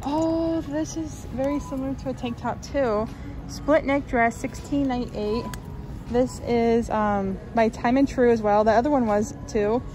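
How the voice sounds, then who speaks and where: A woman's voice: on the high side, steady tone, a little slow, noisy background. A woman vlogging casually while shopping in a large clothing store, upbeat and chatty with lots of fillers. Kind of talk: casual shop-with-me narration.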